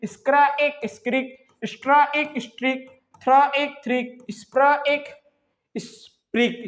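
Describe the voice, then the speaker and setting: A young man, unwell, teaching English reading from slides, who drills syllable blends slowly and talks fast between sets. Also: very high voice, reverberant. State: unwell, coughing. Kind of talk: slide-based phonics lesson.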